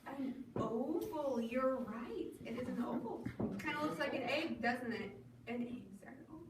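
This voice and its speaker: A woman librarian leading a children's storytime with rhymes and songs, in an animated, encouraging sing-song manner. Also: high-pitched, a little slow. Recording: echoey room from far off, audible noise.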